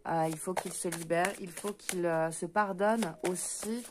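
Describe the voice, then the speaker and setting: A woman with a French accent doing a spoken card reading for viewers. She talks fast, trips over her words and fills pauses with hesitant sounds. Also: on the low side, background noise. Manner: talks fast and stumbles, many hesitant fillers. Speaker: intuitive card reader.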